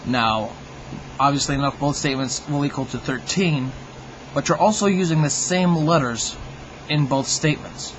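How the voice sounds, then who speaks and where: A man's voice: on the high side, moderate pace, slight background noise, poor audio. A man hosting his own video, delivering a humorous monologue to viewers in a wry, mock-opinionated, tongue-in-cheek way. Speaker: video host.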